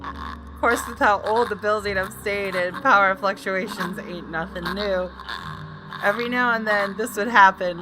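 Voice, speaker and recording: In this noisy clip, a female gaming YouTuber plays through a video game, voicing the narration theatrically and reacting with startled outbursts in between. Her pitch sits in the middle range, and game music runs beneath her speech.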